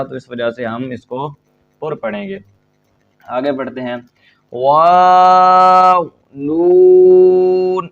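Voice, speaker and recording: A man teaching a Quran reading lesson, rattling off quick explanations and then spelling out letters and syllables slowly and loudly. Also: medium pitch. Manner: quick explanations between slow, loud, drawn-out spelling drills. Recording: dull lo-fi recording.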